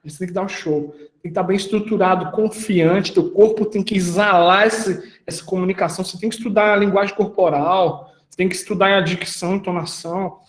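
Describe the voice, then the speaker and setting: Brief: male mentor, higher-pitched voice, lively and slangy, quizzes his listeners. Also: brisk, hardly any pauses, reverberant. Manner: animated, slangy, asks the audience questions. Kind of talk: casual mentoring talk.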